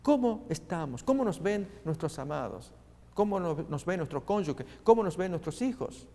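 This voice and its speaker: A man preaching a sermon, earnest and speaking straight to his listeners, pausing often with fillers. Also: on the high side, expressive, vocal fry, mellow, big-room sound. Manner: earnest, addresses listeners directly with many pauses and fillers.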